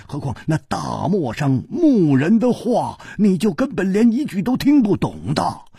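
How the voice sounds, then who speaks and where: A boisterous, quick-tempered swordsman, put on by a male storyteller, who shouts and lectures his old friend. The voice sits high and leaps all over the place, with a husky, raspy grain. It is close and dry, a storyteller's radio delivery. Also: no room sound, full character voice. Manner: loud, blustering, scolding.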